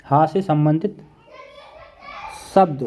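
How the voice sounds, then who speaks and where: A man's voice: fairly high pitch, slow, dark tone, a little hiss or hum. A man teaching Hindi grammar in an online exam-prep lesson, repeating each point while he writes notes. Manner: repetitive, drills each point with "देखिए" and "ठीक है"; talks while writing notes on a board.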